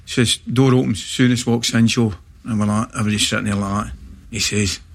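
A middle-aged Scottish man, a former footballer, telling lively anecdotes in casual chat and laughing through them. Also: fairly low pitch, fast talker, creaky. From Scotland. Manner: animated anecdote teller, laughs through stories.

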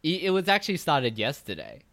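A young man co-hosting a podcast, telling a story in a casual, animated way, swearing freely and laughing at his own jokes. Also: fairly high pitch, fairly quick, vocal fry, no room sound. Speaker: podcast co-host. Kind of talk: casual chat.

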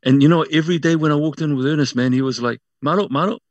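A man's voice: fairly high pitch, fairly even intonation, very fast, darkish tone, no echo, lo-fi sound. New Zealand man, informal storyteller, dry close sound. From South Auckland, New Zealand. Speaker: interview guest working in media. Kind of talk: casual personal storytelling.

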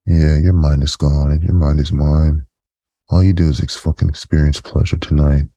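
A man speaking through a voice effect that pitches him very deep, in a slow, murmured, commanding intimate monologue. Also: flat delivery, warm tone, dry recording. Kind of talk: intimate erotic hypnosis monologue. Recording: dull lo-fi dry recording.

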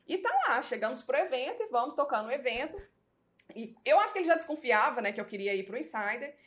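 High-pitched woman guest, chatty storytelling, does the voices when she quotes people. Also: quick pace. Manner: animated, acts out quoted dialogue. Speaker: guest telling her story. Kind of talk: conversational storytelling.

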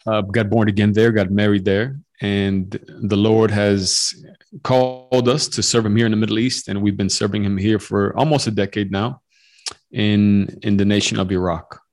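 Man in his forties, lowish voice, earnest testimony, remote call, frequent restarts. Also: steady tone, moderate pace, darkish tone. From Romania. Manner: earnest, with many fillers and restarts. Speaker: guest missionary. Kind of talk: testimony in a podcast interview. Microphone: remote call over the internet.

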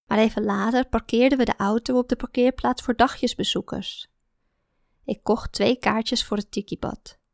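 A woman's voice: fairly high pitch, steady tone, normal speed, vocal fry, no echo, studio quality. Woman narrating a confiding first-person audiobook. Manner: confiding, introspective storytelling.

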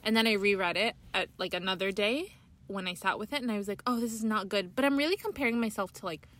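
Woman in her twenties, podcast co-host, animated, rambling, casual chat. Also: mid-range voice, quick pace. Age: 20s. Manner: animated, rambling, laughs often.

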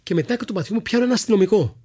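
A middle-aged man with a somewhat high voice recounts his broadcasting anecdotes with gusto. He acts out the people in his stories, shifting his tone as he quotes them. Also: husky. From Greece. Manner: animated storyteller who acts out voices in quotes. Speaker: sports broadcaster, guest. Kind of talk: storytelling in a podcast chat.

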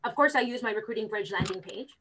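A woman's voice: a little high, fast talker, slight background noise, low-quality recording. A woman recruiter talking with lots of energy as a guest, acting out conversations as she tells them. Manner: energetic, animated, acts out quotes. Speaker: real estate recruiter, guest. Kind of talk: casual interview chat.

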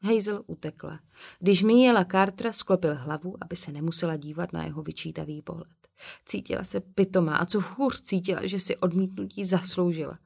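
Woman, audiobook narrator, calm, measured, fairly low pitch. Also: gravelly, husky. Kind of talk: scripted narration.

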